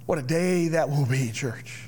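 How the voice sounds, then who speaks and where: A man preaching a sermon as pastor, slow and deliberate, sometimes dropping to a hushed near-whisper. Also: a little high, a little hiss or hum.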